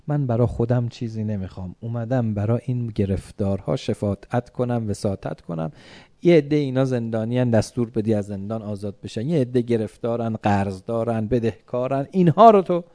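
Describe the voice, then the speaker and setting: A man preaching, retelling a story dramatically, turning from hushed to loud and declaiming, and speaking straight to his listeners. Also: on the low side. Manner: addresses listeners directly.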